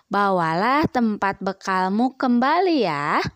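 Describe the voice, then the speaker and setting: A woman teacher reading the lines of a kind mother advising her young son from a schoolbook, gently and slowly. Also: mid-range voice, sing-song, no echo. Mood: gentle. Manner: gentle, read aloud from a schoolbook.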